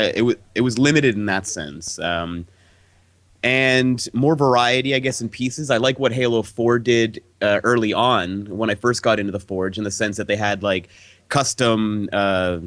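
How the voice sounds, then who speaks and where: A man's voice: fairly low pitch, a bit bright. A man co-hosting a podcast in loose casual chat, full of fillers and easy swearing. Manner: loose, filler-heavy, laid-back swearing. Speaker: podcast co-host. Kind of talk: casual chat over a Skype call.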